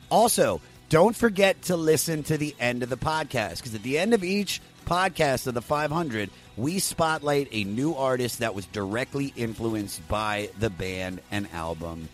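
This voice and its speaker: A man's voice: medium pitch, fairly bright tone. A man hosting a podcast, introducing his guest with an enthusiastic, rambling, profane story. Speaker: podcast host.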